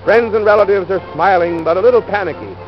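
A man narrating a 1930s newsreel in a brisk, upbeat, folksy announcer manner. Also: high voice. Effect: old newsreel soundtrack. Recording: dull lo-fi 1930s film sound with music. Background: music.

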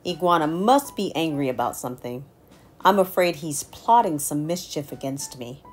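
A woman's voice: deep voice, lively intonation, normal speed, faint music behind. Woman doing a nervous muttering big python. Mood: uneasy. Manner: worried, muttering.

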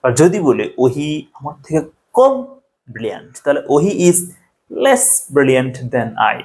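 A man's voice: fairly high pitch, sing-song, measured pace, a little mellow. A man teaching an English grammar lesson, explaining step by step and checking in with the viewer often. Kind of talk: Bengali-language grammar lesson.

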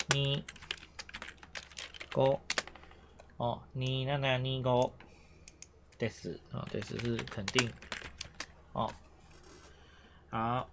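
A man's voice: mid-range voice, noisy background. A man teaching a beginner Japanese lesson, explaining patiently and repeating himself with many "oh" fillers. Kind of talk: online language lesson.

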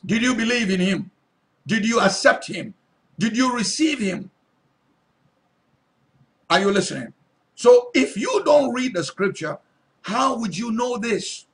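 A man's voice: high-pitched, lively intonation, unhurried, pauses often, fairly bright tone. A male pastor preaching a sermon, reading Bible verses aloud and then repeating and stressing them, often asking his listeners if they are listening. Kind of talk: sermon teaching scripture.

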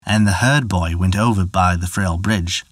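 A man narrating a folktale in a measured, expressive storytelling manner on a close mic. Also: low voice, dry recording.

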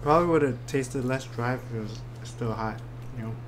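Male, 30s, mid-pitched, casual matter-of-fact food chat between bites, faint background noise. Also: normal speed. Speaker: mukbang vlogger. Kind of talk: casual food review while eating. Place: small room indoors.

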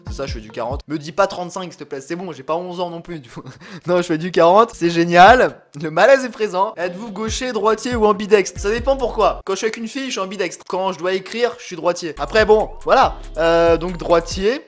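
A man's voice: high voice, fairly quick, faint music behind. A young man in his twenties, a YouTuber, chatting to the viewer in a joking, self-mocking way while standing at his desk. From southern France. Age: 20s. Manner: joking, playful, talks straight to the viewer; records standing, bent over his desk. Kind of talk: casual self-deprecating vlog chat.

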